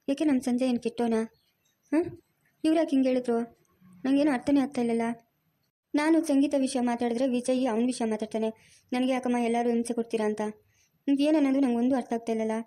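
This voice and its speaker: A woman's voice: a little high, warm tone, natural voice. A woman playing a worried grandmother who soothes her crying grandson and refuses to send him away, in a homemade family drama. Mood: puzzled. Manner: soothing, pleading, protective.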